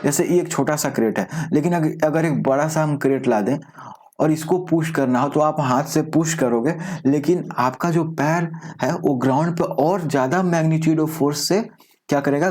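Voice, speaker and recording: A man's voice: on the high side, a little mellow. Man teaching with rhetorical questions. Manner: explains with frequent rhetorical questions; mixes English terms into speech, reads definitions slowly. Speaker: science teacher. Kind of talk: recorded online class lecture.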